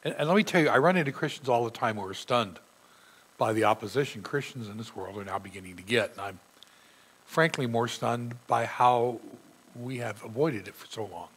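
Speaking briskly in a mid-range, somewhat bright voice with a slight roughness, a middle-aged pastor delivers an earnest sermon despite a sore throat. He stands at the pulpit of a church sanctuary, reading scripture aloud with emphasis.

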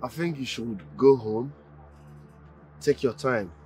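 An actor in a film drama playing a concerned coach telling an injured player to rest. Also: male voice, mid-range voice, slow, a little mellow, faint music behind, close to an everyday voice. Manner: concerned, reassuring.

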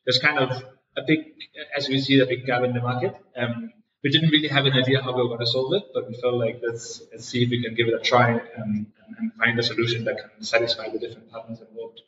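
In a co-working office, a man from Denmark in his thirties, a startup founder, answers interview questions hesitantly, full of fillers and restarts. He talks quickly in a medium-pitched voice with a flat delivery and a sharp tone, recorded distant and dull in an echoey room.

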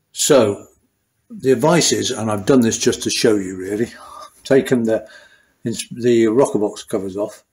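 Older mechanic, chatty how-to narration in a small garage workshop, thinks aloud mid-task. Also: male voice, fairly low pitch, dark tone. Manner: thinking aloud, restarting sentences while working. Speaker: motorcycle mechanic. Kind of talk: hands-on workshop tutorial.

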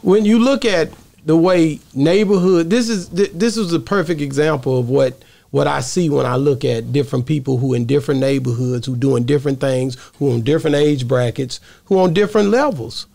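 A man co-hosting a podcast interview in a studio, asking probing questions with halting restarts. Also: fairly high pitch, creaky, dark tone. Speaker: co-host interviewer.

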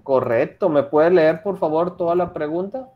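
A woman's voice: deep voice, moderate pace, narrow, tinny audio. A woman teaching an English class online, explaining patiently step by step and mixing English example sentences into her talk.

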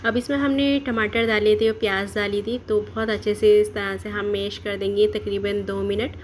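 A woman's voice: mid-range voice, normal speed, a little hiss or hum. Woman narrating a home cooking recipe. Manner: steady instructional, explains each step and options. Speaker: cooking channel host. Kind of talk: step-by-step cooking voice-over.

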